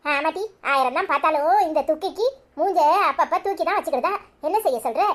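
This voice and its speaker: A scheming, sharp-tongued middle-aged mother played by a woman in a cartoon, gossiping in Tirunelveli Tamil. Her voice is high and she talks conspiratorially. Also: fast. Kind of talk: cartoon voice acting.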